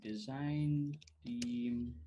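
A man from India, Gujarati being his first language, walks through his startup's product over a screen-shared video call. His medium-pitched voice shows little pitch movement and draws out words, with a conversational style heavy on "uh" fillers and "right?" tags. The webcam mic in his indoor room catches slight background noise.

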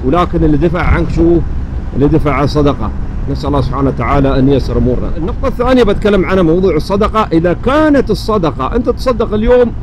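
Emirati man, motovlogger, higher-pitched voice, rapid earnest delivery with repeated phrases, recorded outdoors on a motorbike. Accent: Emirati Gulf Arabic. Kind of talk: casual religious reflection while riding. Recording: steady vehicle and traffic noise.

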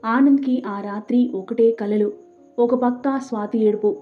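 Brief: woman storyteller, steady reading, fairly high voice, tinny phone-like sound with soft music behind. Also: a little slow. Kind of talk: scripted story narration. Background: faint background music.

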